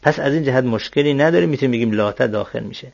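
A man teaching Arabic grammar, working through exercises and slowly spelling out each example word. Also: mid-range voice, creaky, a little mellow, no echo. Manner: slow, deliberate, spells out example words. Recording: dull, dry lo-fi sound.

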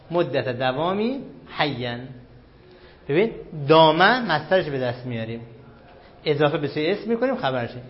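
A grammar teacher lectures a class in a fairly high voice, firing questions at his students and repeating key terms slowly. The recording sounds dull and lo-fi, with the sound of a classroom.

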